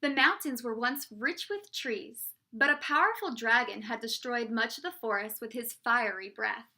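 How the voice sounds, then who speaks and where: Slow and expressive, a woman teacher narrates a picture book for children. She keeps asking them questions, and her voice is bright and high-pitched.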